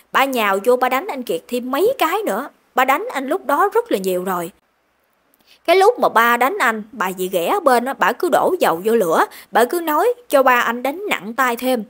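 A woman's voice: high voice, a bit bright. A woman with a Southern Vietnamese accent narrating a ghost story in a chatty, emphatic way.

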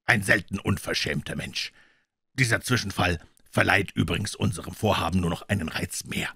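A cool-headed, sharp detective, read by a man who answers with polite calm. His voice is deep and even. It is recorded dry and close. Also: moderate pace, gravelly, breathy edge, no echo, full character voice. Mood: wry.

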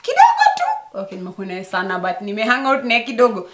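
A young woman with a Kenyan accent hosts a casual chat in a slightly high voice. She is insistent, jumping in and repeating her point. She speaks indoors, a little way from the camera. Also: huge pitch swings, quick pace, reverberant. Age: young adult. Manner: insistent, interjecting, repeats herself. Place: indoors, wood-panelled room.

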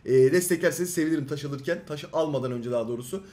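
A young man giving chatty, excitable live commentary over his own gameplay, muttering low one moment and yelling the next. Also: very fast. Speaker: gaming YouTuber.

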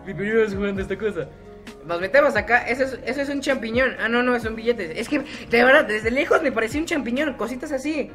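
Young guy narrating his game, bright voice, jokey and chatty, a bit of music behind. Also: very high-pitched. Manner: chatty, self-mocking, laughs often, sings goofy bits. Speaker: gaming YouTuber. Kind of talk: casual gameplay commentary.

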